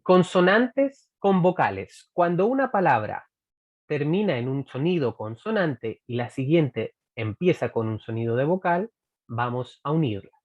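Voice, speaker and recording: A Chilean woman teaching English pronunciation in a recorded workshop, speaking deliberately and repeating example phrases slowly. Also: a bass voice, animated, phone-quality sound.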